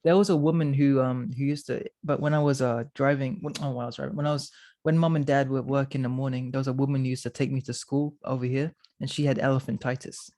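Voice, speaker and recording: A man's voice: medium pitch, steady tone, fast, mellow. A young man in his twenties co-hosting a podcast, chatting casually with lots of filler words. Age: 20s. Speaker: podcast co-host. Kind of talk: casual chat.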